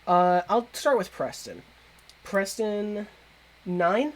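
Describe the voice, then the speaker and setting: A man running a tabletop game as game master, narrating quickly and laughing often. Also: high-pitched, sing-song.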